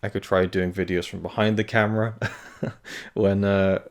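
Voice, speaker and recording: Talking to camera on his own film review channel, this man has a low-pitched, flat delivery at normal speed. His casual update wanders hesitantly, with plenty of fillers and false starts, as he works gingerly around tooth pain.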